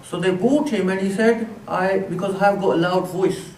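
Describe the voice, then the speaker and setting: A man speaks at a moderate pace in a high-pitched voice with a darkish tone, giving a conversational religious lecture peppered with "you know." He is an Islamic teacher in a mosque prayer hall, heard through a distant mic amid the hall's echo.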